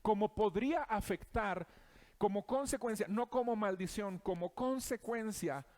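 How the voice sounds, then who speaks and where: A man preaching in a notably high voice for a man. He addresses the listener directly, earnest and urging, with the steady flow of a sermon. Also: unhurried.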